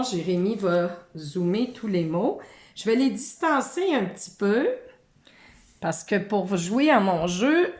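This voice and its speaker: A woman giving a reading lesson to a child, in a sing-song voice, sounding out letters and syllables slowly. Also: on the high side, reverberant.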